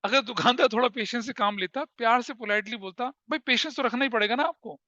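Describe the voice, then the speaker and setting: A man teaching commerce in a lecture that mixes Hindi and English, a lively storyteller who laughs at his own anecdotes. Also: extremely high pitch, quick pace, no echo, lo-fi sound.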